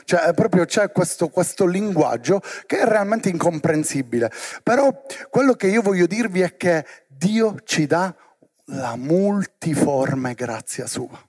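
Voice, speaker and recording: A man giving a lively sermon to young people and often asking the crowd questions. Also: sits high, moderate pace. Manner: animated, asks the crowd questions. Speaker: preacher.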